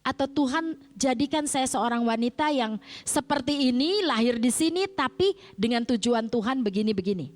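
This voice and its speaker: A woman's voice: sits high, animated, moderate pace, a little mellow. A middle-aged woman from Jakarta preaching a sermon in a chatty way, posing rhetorical questions and answering them herself. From Indonesia, grew up in Jakarta. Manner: conversational, asks and answers her own rhetorical questions. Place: church sanctuary. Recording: long church-hall reverb.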